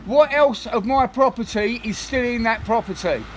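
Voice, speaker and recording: High-voiced man, firm and insistent. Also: normal speed, slight background noise. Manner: firm, insistent, repeats legal warnings. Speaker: property occupier confronting bailiffs. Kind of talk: confrontational recorded exchange.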